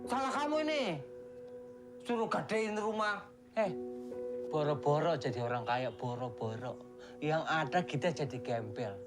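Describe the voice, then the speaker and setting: A man's voice: on the high side, lively intonation, a little slow, pauses often, over music. A young man playing a broke older brother who pleads over and over in a comedy film. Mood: arguing. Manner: pleads over and over, frantic then tender. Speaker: older brother, taxi driver.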